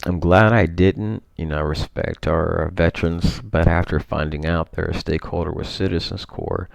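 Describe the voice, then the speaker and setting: A deep-voiced man with a gravelly edge talks through his screen share at home. He wanders and corrects himself often, leaning on fillers as he goes. The sound is dry and close, with no room around it. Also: steady tone, normal speed, dry recording. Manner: rambling, frequent fillers and self-corrections. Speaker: vlogger. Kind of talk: casual screen-share commentary.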